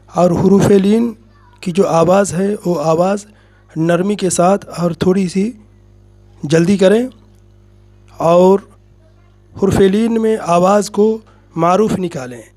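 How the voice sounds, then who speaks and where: Guy w/ indian urdu accent, high voice, slow careful teacher going letter by letter. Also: warm tone. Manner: slow, drawn-out chanting of verses at the start; methodical letter-by-letter drilling. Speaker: Quran reading teacher. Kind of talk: spelling-out recitation lesson.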